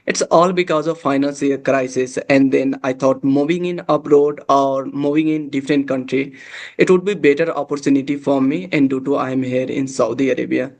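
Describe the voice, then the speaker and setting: A man's voice: medium pitch, steady tone, normal speed, darkish tone. Hesitant man hosting a chat. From Nepal. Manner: hesitant, many uh fillers. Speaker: host. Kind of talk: casual conversation practice.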